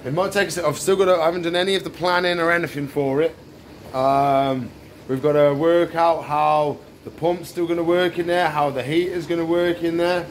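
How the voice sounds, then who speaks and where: A pet shop vlogger in his thirties chats informally in an unscripted vlog, explaining what he's doing inside an aquarium shop. His voice is on the high side, with slight background noise.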